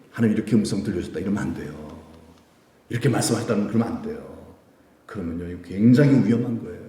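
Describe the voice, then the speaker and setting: Man, pastor, midweek sermon, rhetorical questions to the congregation, lively swinging pitch, echoey church room. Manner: rhetorical questions to the congregation, acting out quoted prayers. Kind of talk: midweek prayer service sermon. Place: church sanctuary.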